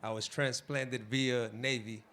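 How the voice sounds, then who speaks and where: At a community panel, a New Jersey man in the audience speaks up casually, loose and rambling and swearing freely. His voice is medium-pitched and steady, a little slow, with a bright, forceful tone.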